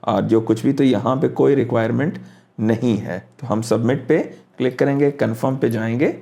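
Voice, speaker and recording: Mellow-voiced man walking through a screen tutorial. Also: medium pitch, steady tone, normal speed, vocal fry. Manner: casual, thinks aloud while clicking through steps; mixes English phrases into his speech. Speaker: crypto tutorial host. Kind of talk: screen-recorded walkthrough tutorial.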